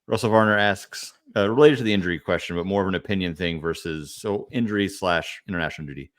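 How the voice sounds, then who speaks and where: A man co-hosting a casual podcast, reading listener questions in a relaxed, self-deprecating way. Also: sits low, fast talker, no echo, clean studio sound.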